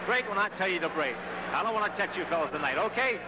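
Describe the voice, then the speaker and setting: A man's voice: high voice, animated, fast talker. A man speaking as a boxing referee, giving plain-spoken pre-fight instructions in the ring. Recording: very noisy archival arena recording.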